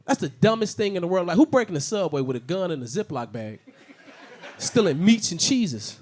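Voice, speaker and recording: Young man from Chicago, stand-up comic, fairly high voice, animated, acts out characters. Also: fast talker. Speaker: stand-up comedian. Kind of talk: stand-up set.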